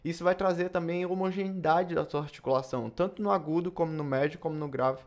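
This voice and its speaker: A young Brazilian man with a fairly high voice explains saxophone technique in a relaxed video lesson. He speaks with a Brazilian Portuguese accent and often tags his sentences with quick checks to the viewer. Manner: casual, tag questions after phrases. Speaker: saxophone teacher.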